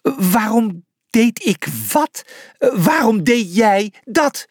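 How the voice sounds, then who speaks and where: A narrator doing a bossy, shouting zebra leader. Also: very high voice, very animated, slow, dry recording, clean studio sound, pitched above the performer's own voice, exaggerated voice. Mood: exasperated. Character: bossy, easily exasperated male zebra leader.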